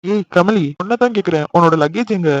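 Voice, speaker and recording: Guy doing a caring cartoon big bro, talks fast and teasing. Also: high-pitched, close to an everyday voice. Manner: teasing then soothing, scolds playfully. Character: caring older brother, teasing and protective. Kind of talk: animated cartoon dialogue. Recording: slightly dull lo-fi audio.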